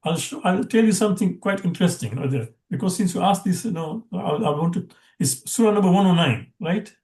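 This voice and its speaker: A man's voice: high voice, expressive, a little fast, a little mellow, reverberant. A man teaching an Arabic grammar class, explaining patiently with frequent restarts.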